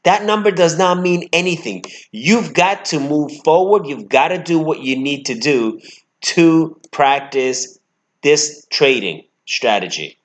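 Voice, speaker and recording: A man hosts a trading channel, delivering live, brash commentary on his own stock trades in a high-leaning, animated, unhurried voice. He swings between emphatic outbursts and muttered asides.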